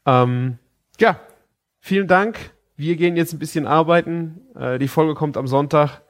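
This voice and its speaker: A man's voice: a little high, unhurried. A man co-hosting a podcast in casual chat, laid-back and teasing, with a sleepy early-morning voice. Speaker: podcast co-host.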